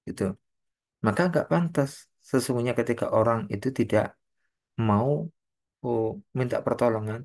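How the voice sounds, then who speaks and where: A man gives an online religious lesson at a mid-level pitch. He explains patiently, often poses rhetorical questions to his listeners and slows down to recite Arabic phrases. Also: a little mellow. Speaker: Quran tafsir teacher. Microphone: online lecture mic.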